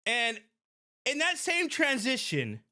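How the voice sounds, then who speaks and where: Slow and high-voiced, a woman hosts a podcast where she casually weighs in on a video clip as a private security expert. Her delivery is animated and emphatic, broken up by frequent restarts and laughs.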